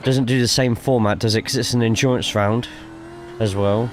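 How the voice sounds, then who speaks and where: A man's voice: mid-range voice, fairly even intonation, normal speed, noisy background. A man with a cough giving casual, chatty live commentary while streaming a sim racing game, swearing freely and reading chat aloud.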